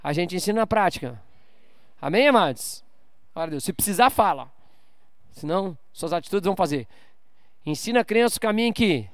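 During a church service, a high-voiced pastor gives an informal sermon with big pitch swings, a fairly quick pace, and frequent pauses. He trades jokes with the congregation and calls for amens, in studio-quality audio with no room sound.

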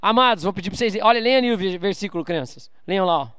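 High-voiced casual pastor preaching. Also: male voice, fast talker, fairly bright tone, clean tone, dry recording, studio quality. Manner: informal, calls out for amens, jokes with the crowd. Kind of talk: casual sermon to a congregation. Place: church service.

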